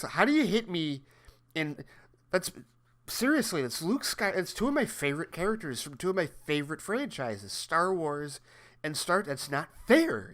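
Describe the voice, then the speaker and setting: A man's voice: on the high side, a bit bright. Rambling, laughing male podcast co-host. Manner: rambling, repeats words and restarts, laughs often. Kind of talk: casual chat.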